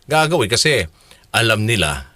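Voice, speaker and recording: A man co-hosting a casual chat, his voice bright and very lively in pitch. He talks in a loose, chatty way and laughs easily. The sound is dry and close. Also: normal speed, dry recording. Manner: chatty, laughs often, keeps calling his co-host partner. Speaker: co-host.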